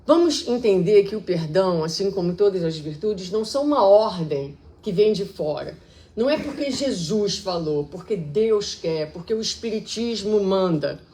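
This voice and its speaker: Brazilian woman giving a spiritist talk, casual and lively, slips into little voices when quoting people. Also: mid-range voice, moderate pace. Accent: Brazilian Portuguese. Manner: conversational, lively, acts out quoted speech. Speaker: spiritist lecturer. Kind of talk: public lecture.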